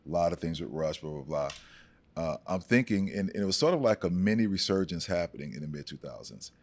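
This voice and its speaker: Very deep-voiced man, stumbling easygoing talk. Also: animated, brisk. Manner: stammering, repeats words, easygoing. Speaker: brand ambassador guest. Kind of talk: casual conversation.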